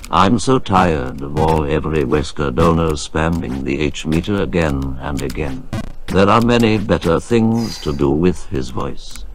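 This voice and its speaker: Deep, slow robotic text-to-speech man. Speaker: donation message voice. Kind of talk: read-out donation message.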